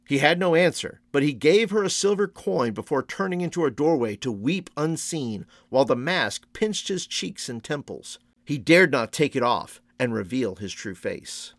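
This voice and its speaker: A man reading a storybook aloud in a measured, expressive storytelling manner. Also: fairly high pitch, no echo, clean studio sound. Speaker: reader.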